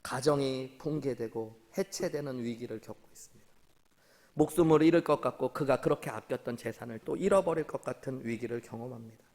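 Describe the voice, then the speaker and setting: A male pastor preaching a sermon in a church sanctuary, telling a story and speaking directly to the congregation. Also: a little high. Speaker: senior pastor. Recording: long hall reverb.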